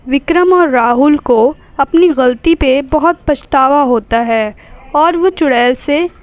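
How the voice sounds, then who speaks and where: A woman's voice: high-pitched, slow pace. A woman narrating a cartoon story in a plain, scripted manner.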